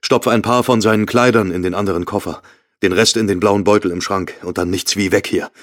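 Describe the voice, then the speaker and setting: A man's voice: fairly low pitch, fairly even intonation, brisk, no room sound, clean studio sound, close to an everyday voice. A man voicing a nervous young husband who gives hissed, urgent orders in an audiobook reading. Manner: hissing, urgent and clipped. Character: nervous, driven young husband fleeing at night.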